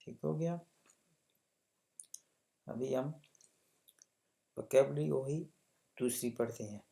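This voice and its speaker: A man with a gravelly, dark, mid-range voice teaches a language lesson at a slow pace. He patiently explains the textbook, repeats example words for pronunciation, and keeps checking that students follow with repeated tag questions.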